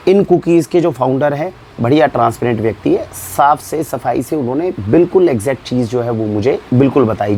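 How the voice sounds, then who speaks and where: An Indian man who owns an organic store explains food labels to viewers, with animated, exasperated rhetorical questions. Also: medium pitch, a little hiss or hum. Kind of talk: explainer talk to camera.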